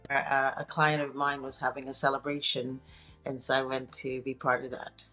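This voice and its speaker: A woman from Nigeria, a guest on an interview show, telling her story in a relaxed, chatty way. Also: very deep voice, moderate pace, faint music behind. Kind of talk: casual interview conversation.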